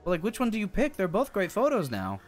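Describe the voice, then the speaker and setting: Co-hosting a game stream indoors with game music playing, this man in his thirties trades casual, profane, playful banter over gameplay and breaks into bits of song. His voice sits high, swings hugely in pitch, and moves at a quick pace.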